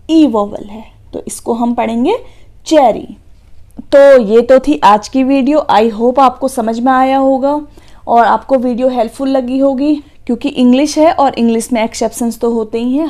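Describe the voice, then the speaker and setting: A woman's voice: on the high side, warm tone. A woman teaching a phonics lesson for children, spelling words letter by letter and answering her own questions.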